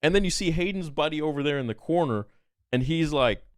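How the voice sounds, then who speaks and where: A man, a podcast guest, casually retelling a story in an animated, rambling way, peppered with "I'm like.". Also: on the high side, fairly quick, clear, resonant tone, dry recording, clean studio sound.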